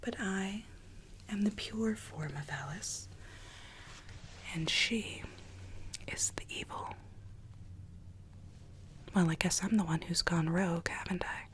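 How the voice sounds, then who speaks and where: A woman playing a sweet rogue Alice from a storybook in a whispered ASMR roleplay, telling her tale in a soft, coaxing, theatrical way. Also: on the low side, takes it slowly, pauses often. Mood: gently coaxing.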